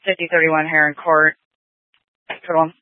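A man's voice: fairly high pitch, flat delivery, unhurried, dry recording. A man working as a police dispatcher, heard over police radio and speaking in clipped radio codes. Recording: tinny dry radio transmission.

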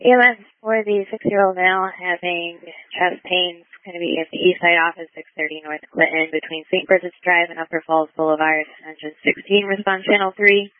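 A man's voice: high voice, fairly even intonation, a little fast, few pauses, dry recording. A man working as an emergency dispatcher, reading procedural police radio style announcements over a two-way radio. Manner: procedural, repeats each message. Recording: thin narrowband dispatch radio.

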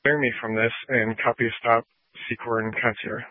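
A man on patrol talks over a tinny, dry police radio channel. His delivery is clipped and matter-of-fact, rattling off call codes in a flat, even tone. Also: medium pitch, moderate pace, no echo. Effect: police radio transmission. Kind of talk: terse police radio traffic.

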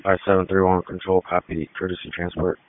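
Deep flat man over a walkie-talkie. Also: brisk, dry recording. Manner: clipped, matter-of-fact radio codes. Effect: over a walkie-talkie radio. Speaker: field unit officer. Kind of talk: terse radio calls. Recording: tinny radio scanner audio.

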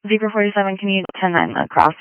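A man's voice: high voice, big pitch swings, fast talker, a little hiss or hum. A man working as a police dispatcher, reading plates and case numbers in clipped radio codes over a police radio channel. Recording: tinny dry radio transmission.

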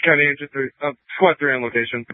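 A man, a fire squad officer, making brisk, clipped calls over a two-way radio. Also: fairly high pitch, no room sound. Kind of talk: radio dispatch traffic. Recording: tinny narrow radio channel.

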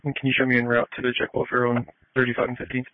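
A man's voice: mid-range voice, completely flat delivery, no room sound. A man, a police officer, speaking in clipped radio codes over a police radio transmission. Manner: clipped, rapid radio talk. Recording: tinny dry radio channel.

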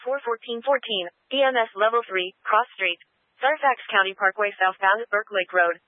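A woman working as an emergency dispatcher, reading out and repeating call details over police radio in a steady, clipped way. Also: medium pitch, normal speed, no echo. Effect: police radio transmission. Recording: tinny dry radio channel.

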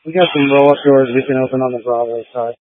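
A man's voice: medium pitch, fairly even intonation, quick pace, no room sound. Man, firefighter, terse radio traffic, static bursts, tinny narrow sound, dry. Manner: terse, matter-of-fact. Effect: two-way radio with static bursts.

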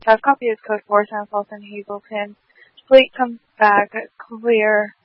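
A woman's voice: medium pitch, fairly even intonation, measured pace, dry recording. A woman dispatcher speaks over a police radio channel, her clipped, matter-of-fact delivery running through codes and plate returns. The audio is dull and lo-fi, with a dry, close sound and no room around it. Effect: police radio transmission.

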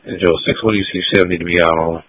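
A man calling in over an AM two-way radio, clipped and halting with fillers. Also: low voice, fairly even intonation, fairly bright tone. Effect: AM two-way radio transmission. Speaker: radio caller. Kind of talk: radio traffic. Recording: muffled radio band.

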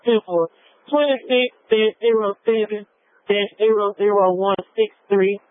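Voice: medium pitch, unhurried, no room sound. A police dispatcher on a police radio transmission, reading numbers back in radio codes. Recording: tinny dry radio channel.

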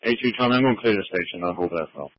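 A man's voice: sits low, rapid-fire. A man making terse, clipped unit callouts over a police radio transmission. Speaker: officer on dispatch radio. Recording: thin lo-fi scanner radio, dry.

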